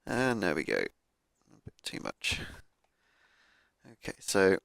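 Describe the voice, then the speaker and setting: A man with a croaky voice from a cold, casually talking through car tuning as he plays a game on a cheap microphone. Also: sits low, wildly swooping pitch, slow, a bit bright, no echo. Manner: thinking aloud, laid-back, with fillers. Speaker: gaming YouTuber. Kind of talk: casual gameplay commentary.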